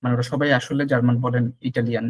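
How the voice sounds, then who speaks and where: In an online lesson mixing Bengali and English, a man teaches French pronunciation, patiently repeating sounds for his student. His mid-range voice stays fairly flat in pitch, moves quickly, and has a breathy edge.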